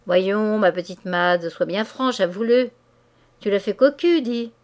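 A woman's voice: mid-range voice, unhurried, a little mellow, natural voice. A jealous young husband, insistent and needling, nags his wife again and again, as a woman narrator reads his lines. His questions come in a pressing, pointed tone, read in a classic novel audiobook. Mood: insistent, teasing.

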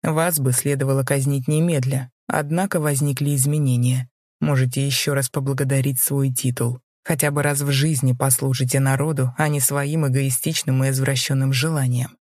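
A woman reading as a young male rebel lord who speaks low, cold and contemptuous. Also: little pitch movement, moderate pace, a little mellow, no echo, clean studio sound. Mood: restrained fury.

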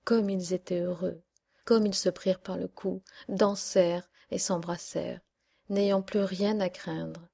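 Woman reading a fairy tale, husky and dark. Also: fairly low pitch, steady tone, measured pace. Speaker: audiobook reader. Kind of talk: fairy tale audiobook narration.

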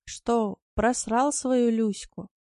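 Brief: sullen bitter tomcat, read by a woman storyteller; slow, dull mutter, dark tone. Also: a little high, fairly even intonation, no echo, clean studio sound. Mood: gloomy.

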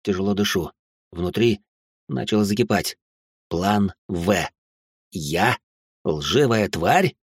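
A man narrating a first-person audiobook in a steady, tense way. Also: lowish voice, takes it slowly, pauses often, slightly rough, dry recording, clean studio sound.

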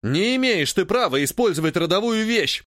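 A male audiobook reader playing an irritated young nobleman who shouts and barks at his sister. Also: high-pitched, big pitch swings, moderate pace, dry recording, clean studio sound, voice pushed up. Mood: barking. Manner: shouting, barking, scornful. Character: irritated young nobleman, bullying older brother.

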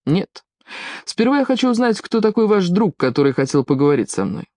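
A woman reading a defiant young male squire who shouts threats through a locked door. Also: medium pitch, big pitch swings, brisk, no room sound, studio quality, voice pushed up, natural voice. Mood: wary.

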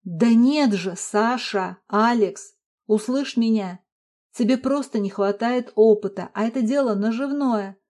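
A woman reading the part of a calm adult husband who speaks gently and persuasively. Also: a little high, unhurried, close to an everyday voice. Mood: soothing. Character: calm adult male husband, soothing and patient.

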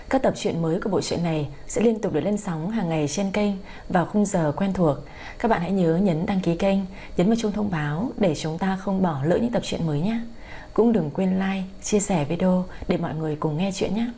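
A woman narrating a story as a reader for her audio channel, in a calm, even storytelling manner. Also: lowish voice, slight background noise. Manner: calm, even storytelling with dialogue voiced lightly.

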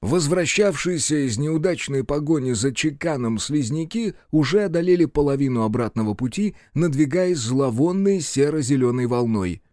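A man reading scripted narration for an audiobook in a lively, expressive way. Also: fairly high pitch, normal speed, few pauses, no room sound, clean studio sound.

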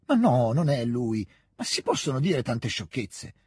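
An anxious older countess and mother, voiced by a male reader in a spoken novel reading, asking worried, pressing questions. The voice is very husky and the sound dry and close. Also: mid-range voice, sing-song, unhurried, a little mellow, no echo.

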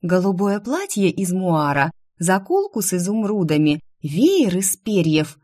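A woman voicing a sly young sister who teases and bargains, in a high perky voice, in an audiobook. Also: sing-song, measured pace, a little mellow, no room sound, studio quality.

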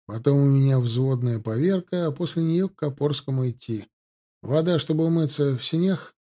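A man's voice: mid-range voice, moderate pace, dark tone, natural voice. A man voicing a young male cavalry lieutenant, plain and matter-of-fact.

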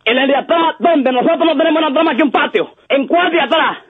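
A man's voice: very high-pitched, brisk, no echo. A man answering a prank call over a phone line, getting furious and spitting curses and insults. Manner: furious, cursing, shouting insults. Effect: heard over a phone line. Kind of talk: angry phone argument. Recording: muffled phone line with crowd noise.

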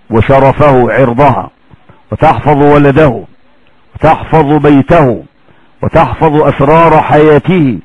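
A man's voice: mid-range voice, no room sound, lo-fi sound. Egyptian man giving a religious lecture. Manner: colloquial, animated, acts out quoted voices.

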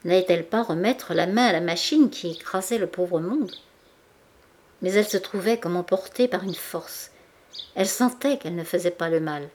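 A woman's voice: on the low side, a little hiss or hum. Woman reading a novel aloud. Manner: measured, expressive reading. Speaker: audiobook reader. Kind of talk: scripted narration.

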